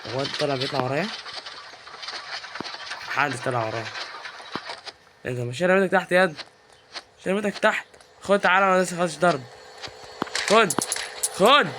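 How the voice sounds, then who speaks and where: A man with an Egyptian Arabic accent, a gaming YouTuber, teases and yells at game characters while commenting live on his play. His voice is a little high and he talks fast but leaves long pauses. The background is noisy.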